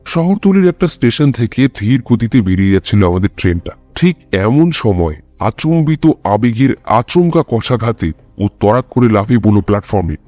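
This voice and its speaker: A man narrating an audio story in a calm, first-person telling. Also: fairly low pitch, no echo.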